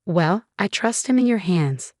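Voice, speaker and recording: A woman's voice: lowish voice, a little slow, no echo, clean studio sound. Woman doing a fond, easygoing middle-aged dad. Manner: fond, relaxed explaining.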